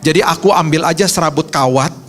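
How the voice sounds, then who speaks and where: A male pastor voicing an eager little five-year-old boy who is thinking out loud during a sermon story. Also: a little high, quick pace, pitched above the performer's own voice, close to an everyday voice.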